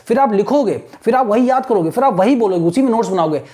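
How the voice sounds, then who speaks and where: A man gives an online lecture in a mellow, warm voice. He explains step by step, keeps asking rhetorical questions and checking in with his students, and urges them on earnestly. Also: sits high, expressive, fast talker. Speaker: exam-prep English teacher.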